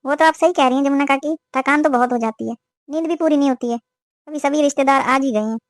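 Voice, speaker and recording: A woman's voice: high-pitched, fast talker, no room sound, lightly acted. A woman voicing a suspicious, scolding middle-aged mother-in-law in a cartoon. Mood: friendly. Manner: scolding, complaining. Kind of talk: cartoon voice acting.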